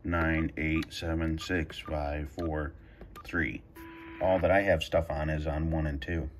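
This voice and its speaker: Speaking slowly in an extremely low, steady voice, a video host shows off a radio scanner from a carpeted room at home. The how-to is casual and unscripted; he pauses and thinks aloud while pressing buttons, and a faint hiss or hum sits under the audio.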